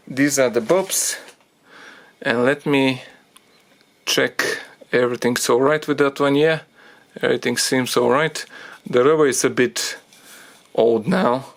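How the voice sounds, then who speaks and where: A man explaining a car repair as he works on it, thinking aloud in halting phrases and getting out of breath from the effort. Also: mid-range voice. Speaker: DIY car repair presenter. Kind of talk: hands-on repair tutorial.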